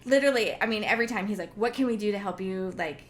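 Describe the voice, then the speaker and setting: A woman's voice: mid-range voice, fast, slight background noise. A middle-aged woman co-hosting a podcast, chatting candidly and laughing often at herself. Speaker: podcast co-host. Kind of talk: casual chat. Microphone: studio microphone.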